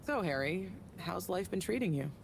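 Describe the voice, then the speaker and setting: A woman's voice: fairly low pitch, animated, normal speed, creaky, rough recording. Bridget, a breezy chatty woman. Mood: friendly. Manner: breezy, talkative, upbeat. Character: Bridget, chatty friendly energy consultant woman. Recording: game audio with ambient noise.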